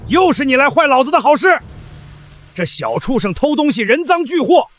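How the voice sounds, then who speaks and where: A man voicing a menacing middle-aged village thug in a storybook narration, jeering and shouting. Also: extremely high pitch, big pitch swings, moderate pace, pitched above the performer's own voice, full character voice.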